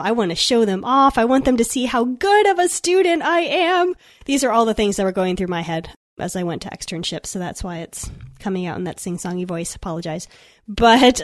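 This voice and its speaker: A woman's voice: medium pitch, dry recording, studio quality. A young woman veterinarian giving upbeat, chatty advice to students on a podcast, laughing now and then. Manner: upbeat, chatty, laughs often, acts out quotes. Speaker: veterinarian guest speaking to students. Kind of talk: podcast talk, advice monologue. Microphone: computer microphone.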